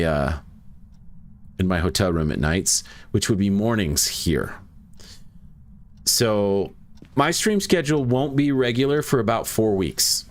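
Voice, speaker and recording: A man's voice: deep voice, clean tone. A young adult man casually chatting with viewers while playing a ghost-hunting game, rambling between gameplay notes. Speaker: streamer. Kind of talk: casual gaming commentary.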